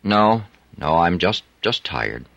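A man's voice: sits low, very animated, takes it slowly, gravelly, a bit bright, no echo, highs cut off, exaggerated voice. A man voicing an exhausted young Englishman on the run, speaking in clipped, tense phrases. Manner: tense, clipped, under his breath.

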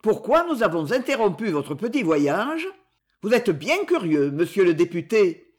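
A woman's voice: medium pitch, very animated, unhurried. A menacing bandit chief voiced by a woman reader speaks with cold irony. His voice moves up and down with mocking emphasis as he talks to his prisoners in this storybook reading. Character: ironic, menacing male bandit leader.

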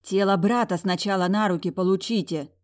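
A woman's voice: mid-range voice, brisk, a little mellow, close to an everyday voice. A woman voicing a blunt, angry young peasant woman in a storybook, with a fierce, growling delivery. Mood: furious.

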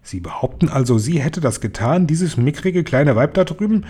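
A man voicing a blustering, furious middle-aged father who shouts and stammers. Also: mid-range voice, expressive, moderate pace, breathy edge. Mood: indignant.

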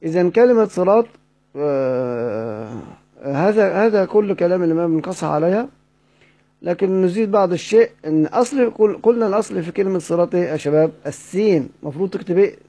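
This teacher has a high, animated, dark-toned voice and talks fast in an Egyptian Arabic accent. In a recorded lecture explaining a text, he poses questions to his students, answers them himself, and repeats the key points. The recording is dull and lo-fi.

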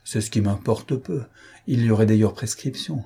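A man's voice: fairly low pitch, normal speed, gravelly, warm tone, breathy edge, exaggerated voice. A man voicing a brazen, ragged rogue in an audiobook, with a thundering, mocking delivery. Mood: sardonic. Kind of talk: audiobook character voice.

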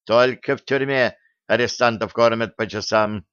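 A man voicing a bossy, quick-tempered young woman who snaps her orders. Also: medium pitch, fairly even intonation, a bit bright, clean tone, dry recording, dull audio, natural voice. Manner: bossy, snapping.

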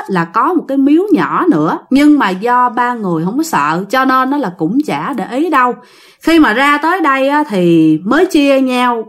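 A woman's voice: a little high, a bit bright. A woman telling a family ghost story in a conversational way, speaking to her listeners.

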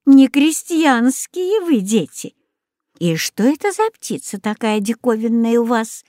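A woman's voice: a little high, big pitch swings, a little slow, dark tone, dry recording, studio quality. Kindly half-blind old peasant woman, fussing and hospitable; a woman reader plays her.

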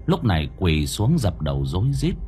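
A man's voice: low voice, huge pitch swings, moderate pace, mellow, soft background music. A man narrating a ghost story as an audiobook, vivid and dramatic.

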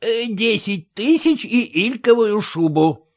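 A woman reading a story, voicing a stubborn, scornful husband who talks slowly. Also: mid-range voice, animated, darkish tone, voice pushed up. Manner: slow, scornful.

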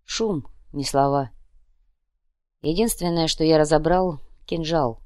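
A subdued man speaking quietly, put on by a woman narrating an audiobook. The voice is low and soft, and the recording is close and dry. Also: slow pace, dry recording. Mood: ashamed. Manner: quiet, hushed. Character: ashamed male companion, quiet and subdued. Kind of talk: audiobook character voice.

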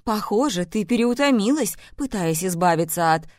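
A woman reading an audiobook voices a calm grown-up son and husband in a gentle, reasoning way. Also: medium pitch, normal speed, no echo, studio quality, lightly acted.

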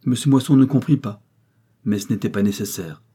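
A man narrating a classic novel as an audiobook in a measured, even way. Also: fairly low pitch, slightly rough.

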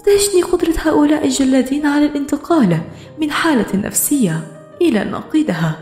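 A woman reading a novel aloud in steady, grave first-person narration. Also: high-pitched, fast talker, echoey room, soft background music. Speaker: audiobook narrator.

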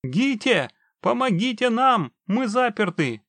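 A man's voice: high-pitched, expressive, unhurried, creaky, dry recording, pitched above the performer's own voice, exaggerated voice. A man voicing a panicked, trapped middle-aged man who screams and begs for help. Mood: panicked screaming. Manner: screaming, pleading desperately.

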